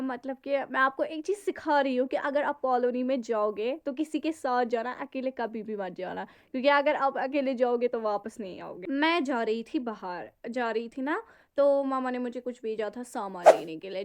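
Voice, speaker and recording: A young woman chats through a personal story for her viewers, circling back and repeating phrases to stress them. Her voice sits a little high and sounds smooth and clean. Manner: chatty, repeats phrases for emphasis. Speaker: vlogger. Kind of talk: casual storytelling vlog.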